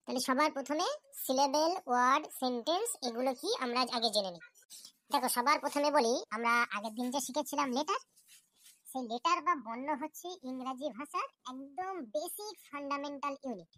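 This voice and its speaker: A woman with a high, slightly fast, somewhat bright voice plays a patient female teacher in a cartoon lesson. She explains things step by step and frequently makes sure the class is following. There's no room sound.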